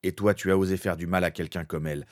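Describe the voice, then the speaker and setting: A man voicing a grim, vengeful soldier in a fan fiction reading, speaking low and threatening. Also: steady tone, fast, lightly acted.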